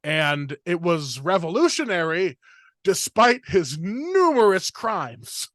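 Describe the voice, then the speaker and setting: A man's voice: high-pitched, sing-song, fairly bright tone, no echo, studio quality. A young man hosting a comedy podcast, talking in a rambling, filler-heavy rush of casual chat. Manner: rambling, filler-heavy, fast torrent of words.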